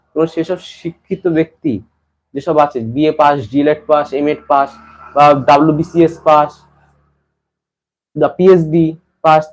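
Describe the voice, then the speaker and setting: Higher-voiced man teaching a class. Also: a little mellow, low-quality recording. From West Bengal. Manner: repeats phrases and restarts while explaining. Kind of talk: exam-prep lesson to students.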